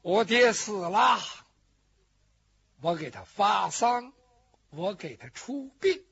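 A man voicing a grieving middle-aged mother who was abandoned by her husband, telling her story with a drawn-out lament. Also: high-pitched, animated, a bit bright, full character voice. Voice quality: very husky. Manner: lamenting, drawn-out sung-like phrasing. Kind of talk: storytelling performance in first person. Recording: dull lo-fi recording.

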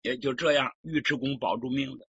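A man performing a traditional story, lively and dramatic with colloquial asides. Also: medium pitch, a little fast, breathy edge, no echo. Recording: dull lo-fi recording.

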